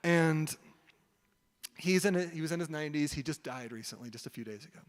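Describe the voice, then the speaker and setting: Male pastor, casual storytelling sermon, higher-pitched voice, filler-heavy chat, long church-hall reverb. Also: expressive, brisk. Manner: conversational, heavy use of "like" and "um".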